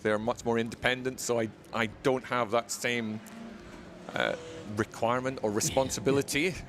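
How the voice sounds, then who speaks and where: A man's voice: mid-range voice, steady tone, moderate pace, fairly bright tone, soft background music. A middle-aged man from Scotland, a volunteer being interviewed at a race event, who talks in a friendly way and often repeats words as he searches for them. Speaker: volunteer guest. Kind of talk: casual interview.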